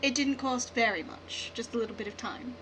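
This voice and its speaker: A woman's voice: fairly high pitch, fairly quick, noisy background, lightly acted. A woman voicing a sly, coy female rogue. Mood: coy, wry. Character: sly female rogue who does good in naughty ways. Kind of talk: voicing a character in a tabletop game.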